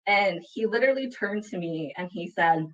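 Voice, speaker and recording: A woman's voice: mid-range voice, lively intonation, normal speed, a bit bright. A woman from Utah, a panelist telling a personal story in a webinar, earnest and reflective, often checking in with "right?". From Utah, USA. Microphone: video call computer mic. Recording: dull, distant webinar audio.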